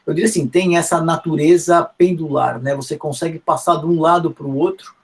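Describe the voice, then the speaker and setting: A man's voice: fairly high pitch, steady tone, brisk. A middle-aged man from São Paulo with a Paulistano accent, giving a conversational university lecture full of tag questions and restarts. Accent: Paulistano Portuguese. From São Paulo, Brazil. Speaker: guest lecturer, physics education professor.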